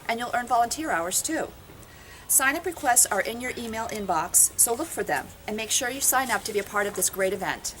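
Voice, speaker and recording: Woman event co-chair, fairly high voice, upbeat scripted delivery, faint noise. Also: a bit bright. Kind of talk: scripted announcement.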